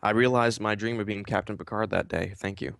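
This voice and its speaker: A man hosting a casual live-stream interview, joking and relaxed. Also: lowish voice, fairly quick, vocal fry, no room sound, studio quality. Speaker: interview host.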